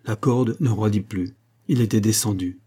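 Low-voiced guy reading a novel aloud, mellow and kinda husky. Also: moderate pace. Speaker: audiobook narrator. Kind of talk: scripted narration.

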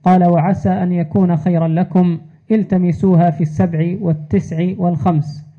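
A student reader with a high, flat voice reads a classical hadith text aloud in a measured, formal way, repeating the narration formula. The sound is tinny, like a phone.

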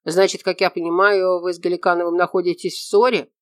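A woman's voice: fairly low pitch, flat delivery, fast, no echo, natural voice. A woman voicing a mocking male police investigator in an audiobook, with a dry, teasing delivery.

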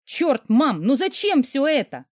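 A woman reading an audiobook, voicing the narrator's hysterical young sister with a shrill, yelling delivery. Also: big pitch swings, a little slow, no echo, studio quality. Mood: exasperated.

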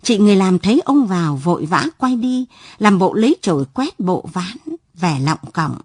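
A woman narrating a late-night radio story in an expressive, dramatic, scripted manner at a studio microphone. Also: mid-range voice, moderate pace, slightly rough, no echo.

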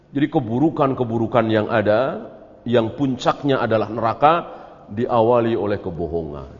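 A man's voice: medium pitch, a little mellow. A man teaching as an Islamic teacher in a religious study lecture, asking rhetorical questions and answering them himself. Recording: echoey hall, dull lo-fi audio.

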